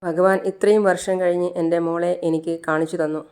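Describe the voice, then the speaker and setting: Woman doing a desperate older father, pleading, repeats himself, stumbling words, fairly low voice, storybook retelling. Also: little pitch movement, fairly quick, a little mellow, clean tone, natural voice. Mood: moved. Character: anxious grieving father searching for his lost daughter.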